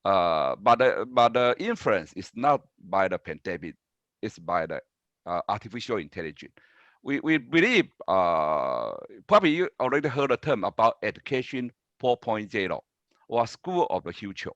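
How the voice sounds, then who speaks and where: A man with a Taiwanese accent giving panel remarks as a professor, speaking haltingly and repeating words. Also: fairly low pitch, big pitch swings, a bit bright, dry recording. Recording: dull, dry video-call audio.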